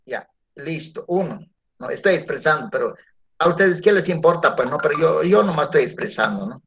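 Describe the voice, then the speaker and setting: A man's voice: fairly high pitch, animated, a little fast, a bit bright, a little hiss or hum. A male teacher giving a classroom lecture, often checking in with his students through tag questions. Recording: dull lo-fi classroom recording.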